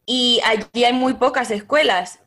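A woman's voice: on the high side, fairly even intonation, unhurried, a bit bright. A woman, a teacher speaking as a podcast guest, thoughtful and often hesitating. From Spain. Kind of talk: casual interview talk.

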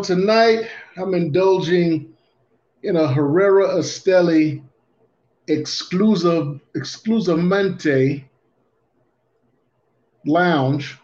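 A man's voice: sits high, darkish tone. A man co-hosting a podcast in laid-back, casual chat, often repeating his phrases. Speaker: podcast co-host. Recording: echoey room, dull muffled audio.

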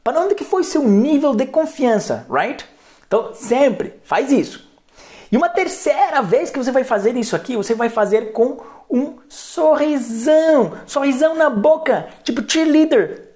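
A man's voice: extremely high pitch, lively intonation, moderate pace, a little mellow. Playful man teaching English. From Colombia. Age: 30s. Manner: playful, chatty, peppers talk with tag questions. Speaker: English coach. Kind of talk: live-streamed language lesson.

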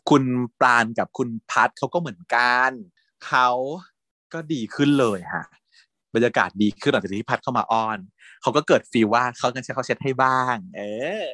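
A man casually retelling a drama's scenes in an animated way, with frequent laughs and crude slang. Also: medium pitch, normal speed, no echo, studio quality. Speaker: drama recap host. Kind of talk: casual recap storytelling.

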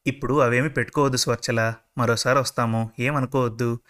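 A man's voice: medium pitch, steady tone, a little fast, fairly bright tone, lightly acted. A man voicing a worried middle-aged mother in a told story, explaining things earnestly.

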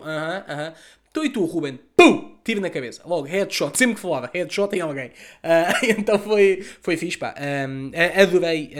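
A young man with a European Portuguese accent talks quickly, in a voice set a little high. He tells a casual vlog story in an animated, profane way, acting out what people said. He is speaking outdoors near the beach. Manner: fast, animated, profane storytelling with acted-out dialogue. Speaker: content creator.

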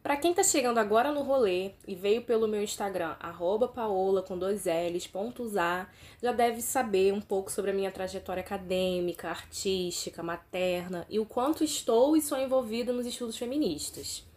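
Animated Brazilian woman hosting a podcast. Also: mid-range voice, moderate pace, hardly any pauses. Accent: Brazilian Portuguese, Rio de Janeiro state. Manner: animated, emphatic, talks to listeners directly. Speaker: podcast host and teacher. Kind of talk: solo podcast monologue.

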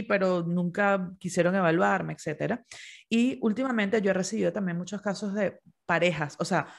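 Gravelly-voiced male psychologist. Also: sits high, fairly bright tone. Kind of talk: casual conversation.

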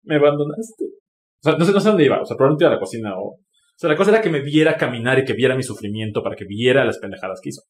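A man's voice: mid-range voice, lively intonation, very fast. A man with a Mexican Spanish accent telling a personal story candidly, with swearing and lots of expression. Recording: roomy echo.

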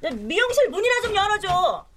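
A woman's voice: very high voice, very animated, brisk, noisy background. A woman playing a bossy, nagging wife in a radio drama. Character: bossy wife running a hair salon.

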